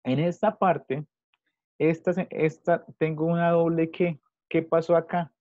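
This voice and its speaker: A man teaching children over a video call, asking the same question again and again with patience. His voice comes through dull and slightly muffled, and it sounds very dry and close. He speaks at an everyday middle pitch. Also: little pitch movement, measured pace, a little mellow, no echo. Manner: patient, repeats questions to pupils. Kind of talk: online English class taught in Spanish.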